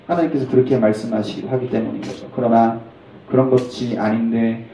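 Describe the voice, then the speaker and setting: A man preaching at a youth service, telling a family story with lively acted-out dialogue. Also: medium pitch, fairly quick, vocal fry, roomy sound, far from the mic, a little hiss or hum, rough recording. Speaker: pastor. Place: church hall.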